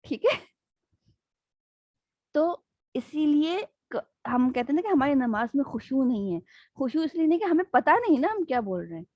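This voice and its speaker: A lively, higher-voiced woman teaching a religious class over a video call. She keeps checking in with her listeners and acts out small scenes as she goes. The sound is dry and a little muffled. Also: pauses often, no room sound. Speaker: Islamic studies teacher. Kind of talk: interactive online religious lesson.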